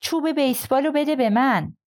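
A woman's voice: high voice, a little mellow, pitched above the performer's own voice, natural voice. A woman reading an audiobook, voicing a tense young man who speaks with urgency. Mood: urgent. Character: young man, first-person narrator under threat.

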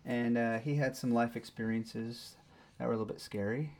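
A man's voice: medium pitch, steady tone, normal speed, darkish tone, a little hiss or hum. A man hosting a podcast in casual conversational chat. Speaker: podcast host.

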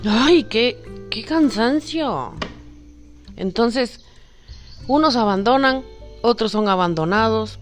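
Softly coaxing woman from Cuba. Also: a little high, lively intonation, takes it slowly, long pauses, soft background music. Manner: affectionate, calls the listener sweetheart; soft, coaxing, often drops to a hush. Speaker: spiritual guide. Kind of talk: spiritual motivational talk.

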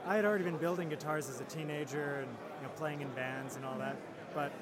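A man giving casual interview answers as a craftsman, explaining things in a slightly halting way. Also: on the high side, fairly even intonation, very noisy. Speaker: guitar maker being interviewed. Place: busy guitar show. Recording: loud crowd behind voice.

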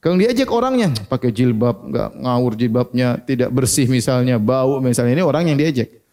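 A man's voice: medium pitch, animated, fairly quick, dark tone. A man giving a religious lecture, who keeps asking his listeners questions and answering them himself. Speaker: Islamic preacher.

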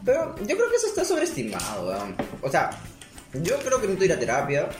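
A man's voice: high voice, huge pitch swings, fast talker, creaky. Young guy telling stories, laughs a lot, voice jumps all over, roomy echo with music under it. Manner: laughing, storytelling, slangy. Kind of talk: casual chat.

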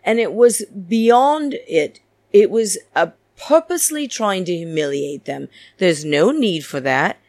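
A woman's voice: fairly low pitch, animated, a little slow, a little mellow, no room sound. A woman hosting a solo reality TV recap podcast in a campy, theatrical, diva-like manner, opinionated and gossipy. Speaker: podcast host.

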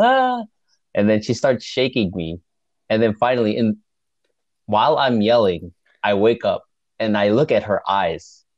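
A man casually recounting a story as a guest, with halting restarts and frequent chuckles. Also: lowish voice, a little mellow, dry recording. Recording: dull lo-fi dry recording.

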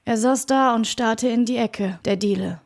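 A woman narrating a classic novel as an audiobook in a clear, measured reading voice. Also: fairly high pitch. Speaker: audiobook reader.

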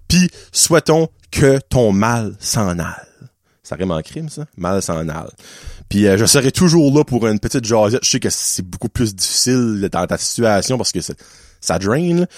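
Dude in his 30s doing a solo podcast, super animated voice, tossing english words in, dry sound. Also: mid-range voice, no room sound. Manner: chatty, mixes English words into French, playful. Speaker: podcast host. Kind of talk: casual solo podcast chat.

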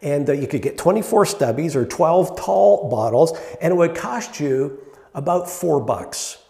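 A middle-aged man preaches in a conversational style, tossing questions to his listeners and pausing on fillers. His voice sits a little high yet sounds mellow and warm. The room carries a long, echoing reverb. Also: lively intonation, creaky. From Canada. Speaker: pastor. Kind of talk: sermon. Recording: echoey hall with long reverb.

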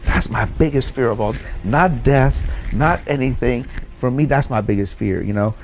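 A man's voice: medium pitch, moderate pace, a little hiss or hum. A middle-aged man in an interview, telling a personal story in a rambling way with many fillers and repeats. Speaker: interview guest.

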